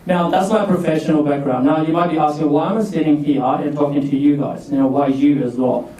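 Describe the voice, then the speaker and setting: A man's voice: on the high side, fairly even intonation, fairly quick, dark tone. Man speaking in an echoey hall. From Burma. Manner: chatty, quizzes the audience for raised hands. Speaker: workshop speaker, leadership coach. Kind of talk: casual presentation to students. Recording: echoey room from far off.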